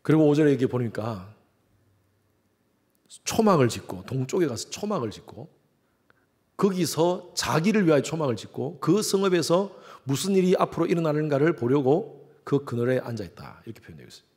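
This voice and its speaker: A man's voice: fairly high pitch, big pitch swings, moderate pace, darkish tone. A man preaching a Sunday sermon in a church, putting questions to the congregation and acting out the voices of the people he quotes. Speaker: pastor. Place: church sanctuary.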